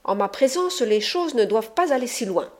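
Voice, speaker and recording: A woman reading an audiobook, voicing an older male gang boss who calls for calm with authority. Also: on the high side, normal speed, lightly acted. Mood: commanding.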